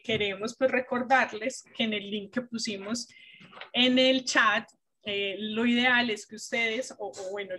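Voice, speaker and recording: A woman gives a teaching talk to parents over a video call. Her voice sits a little high, and she moves through her points with rhetorical questions. She sounds like a patient, methodical workshop speaker. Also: a bit bright. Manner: didactic, asks rhetorical questions.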